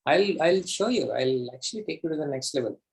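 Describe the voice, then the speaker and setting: A man with an Indian accent and a fairly high voice coaches a live online class. He speaks emphatically and pushes his listeners, often repeating a phrase to drive it home. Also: animated, brisk. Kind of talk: live interactive teaching, mixing English and Hindi.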